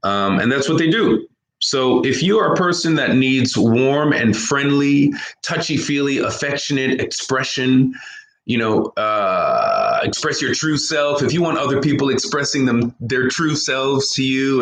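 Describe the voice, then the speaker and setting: An American man delivers an opinionated monologue to camera, hammering his points home by repeating phrases and stacking up single words. He speaks slowly and deliberately at a middling pitch. His voice bounces around a roomy, echoey space. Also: very animated, a bit bright. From United States. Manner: emphatic, repeats key phrases, lists words one by one. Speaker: vlogger. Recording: roomy echo.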